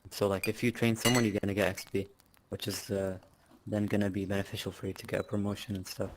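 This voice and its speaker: Boastful man with a flat, lowish voice. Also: fast talker, noisy background. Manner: boastful, casual, with filler words and laughs. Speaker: interviewee, clan leader. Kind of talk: casual interview chat.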